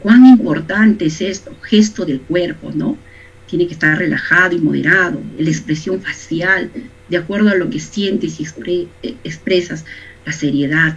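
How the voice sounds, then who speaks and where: A teacher giving a recorded lesson to young people, asking rhetorical questions and acting out little examples in a lively way. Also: mid-range voice, gravelly, breathy edge, dull audio.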